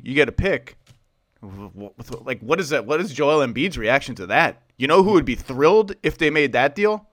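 Male podcast host, tired and rambling, mid-pitched voice, dry close sound. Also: no echo. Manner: animated, rambling, asks long questions. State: tired, short on sleep. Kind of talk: casual basketball podcast talk.

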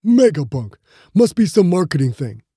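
A man doing a goofy, excitable jock. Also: high voice, moderate pace, husky, dry recording, studio quality, voice pushed up, heavily acted. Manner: excitable, loud, childish. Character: goofy, crude young male football player.

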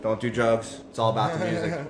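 Male band member, quick and echoey, promo energy. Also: fairly low pitch, monotone. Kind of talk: casual interview. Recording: echoey room with faint background noise.

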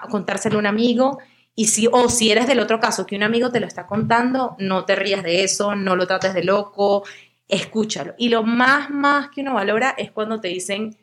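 A young woman from Venezuela, a guest and actress, chatting casually in an interview and telling stories with quoted voices. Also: medium pitch. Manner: lively storytelling, acts out quoted voices.

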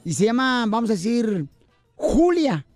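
A man's voice: extremely high pitch, very animated, measured pace, no room sound, faint music behind. A man with a Mexican accent telling jokes on a morning radio show, playful and slangy, often laughing as he talks.

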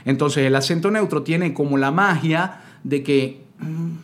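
Venezuelan man, relaxed voice actor chatting. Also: fairly high pitch, unhurried. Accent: Venezuelan, Caracas. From Caracas, Venezuela. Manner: relaxed storytelling with frequent fillers. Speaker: voice actor guest. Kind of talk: casual podcast chat.

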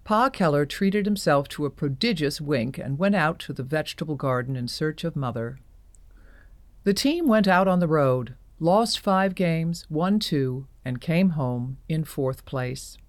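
A woman narrating an audio drama in a measured storytelling manner. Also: low voice, animated, dry recording.

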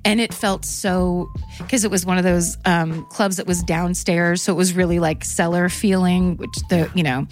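A woman's voice: fairly low pitch, fairly even intonation, moderate pace, faint music behind. A woman comedian telling stories in a casual interview, rambling and self-mocking, laughing often. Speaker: guest comedian.

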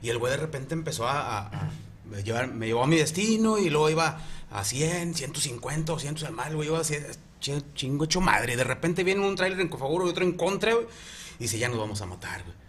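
A man's voice: fairly high pitch, sing-song, quick pace, fairly bright tone, slight background noise. A man with a Mexican Spanish accent, a podcast co-host telling crude jokes in casual chat, slangy and rambling. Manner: slangy, rambling storyteller full of fillers.

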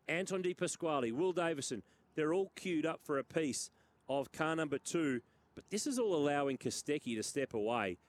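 Higher-pitched Australian male motorsport commentator, engines behind. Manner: calls positions and margins in short punchy phrases. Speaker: lead motorsport race commentator. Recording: clear engine and trackside noise behind. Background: race cars, outdoor circuit ambience.

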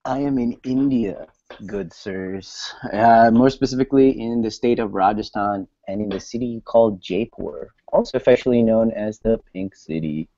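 A man's voice: lowish voice, moderate pace, mellow, no echo. A man from Sri Lanka co-hosting a travel podcast, chatting casually and laughing between phrases. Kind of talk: casual chat. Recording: dry, muffled lo-fi podcast audio.

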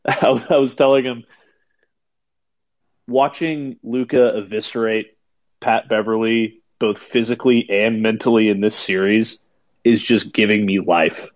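A lower-pitched man co-hosting a sports chat, talking eagerly and laughing often as he goes. His voice comes through a dull, lo-fi remote line. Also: fairly even intonation, measured pace, long pauses. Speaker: podcast co-host. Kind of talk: casual sports talk.

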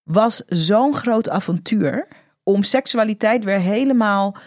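A woman guest talking frankly and reflectively about her own life, hesitating often as she tells her story in conversation. Her voice sits at an ordinary middle pitch and is heard up close, with no room sound around it. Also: animated, slow, no room sound. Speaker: guest, author.

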